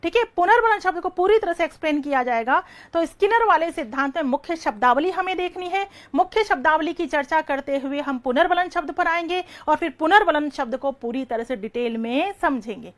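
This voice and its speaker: A woman teaching an online exam-prep lecture, firing quick questions, repeating each answer and calling her students "beta". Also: sits high, lively intonation.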